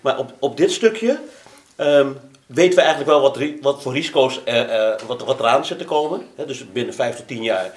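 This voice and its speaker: Halting man in an echoey meeting room. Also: medium pitch, expressive. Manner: halting, searching for words. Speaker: council member asking questions. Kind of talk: formal meeting question.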